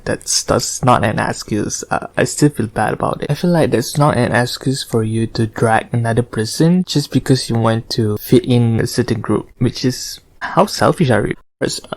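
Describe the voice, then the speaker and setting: A man's voice: medium pitch, a little mellow, dry recording. A man chatting casually and hesitantly as host of an eating show, sharing opinions and stories between bites of cookies. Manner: informal, hesitant, opinionated storytelling; eats cookies between remarks. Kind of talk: casual rambling mukbang chat to viewers.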